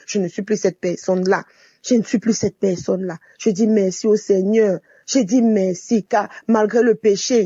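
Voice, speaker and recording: A woman from Cameroon delivers a fervent religious testimony, circling back to repeat her thanks. Her voice sits mellow and dark. The recording is dry and a little muffled, like a phone voice note. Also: mid-range voice, no room sound. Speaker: caller giving a testimony.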